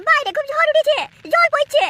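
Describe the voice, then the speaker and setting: A woman voicing an anxious, indignant young daughter-in-law in a comic cartoon, shrill and pleading. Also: steady tone, fairly quick, background noise.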